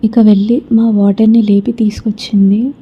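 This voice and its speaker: A woman narrating a horror story in a soft voice that often slips into a whisper. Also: mid-range voice, level tone, normal speed, slightly rough, highs cut off.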